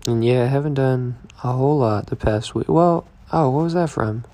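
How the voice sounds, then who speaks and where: A young man rambling slowly through a casual video diary in a stoned drawl. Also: medium pitch, mellow. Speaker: vlogger.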